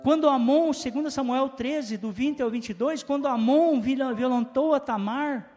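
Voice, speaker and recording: High-voiced Brazilian pastor preaching in a hall. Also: male voice, moderate pace, soft background music. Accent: Brazilian Portuguese. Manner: animated preaching with rhetorical questions and call-and-response. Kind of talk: sermon. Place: church hall.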